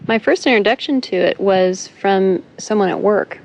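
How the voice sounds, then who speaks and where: A woman's voice: medium pitch, moderate pace, dull audio, a little hiss or hum. A woman from Texas giving an earnest testimonial about a course she took. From Texas, USA. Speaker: course graduate. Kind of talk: testimonial interview.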